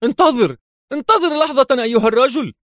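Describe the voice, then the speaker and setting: A man voicing a terrified captured hitman who pleads in a panicked, hurried way. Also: high voice, very animated, fairly bright tone, no echo, studio quality, pitched above the performer's own voice. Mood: desperate.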